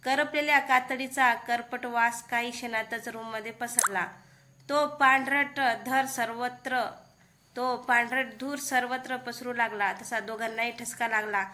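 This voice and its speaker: A woman's voice: a little high, steady tone, unhurried, sharp tone, slight background noise. A woman narrating a horror story in a dramatic, emphatic way.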